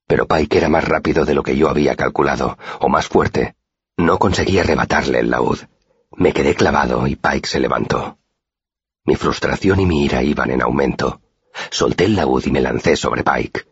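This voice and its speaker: A man narrating a first-person fantasy audiobook in an expressive storytelling manner. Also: very deep voice, normal speed, creaky, husky, no room sound, lo-fi sound.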